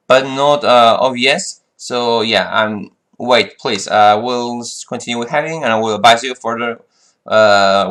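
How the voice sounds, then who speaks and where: A frustrated flight sim vlogger talks in a casual monologue, his medium-pitched voice bright and forceful. He rambles, restarting sentences and leaning on fillers.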